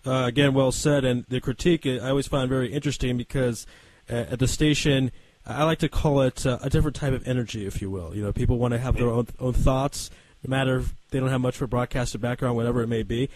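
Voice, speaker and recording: A man's voice: mid-range voice, steady tone, fast, darkish tone, no echo, poor audio. A man hosting a sports radio show, asking questions in a friendly, conversational way with small hesitations. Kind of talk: radio interview.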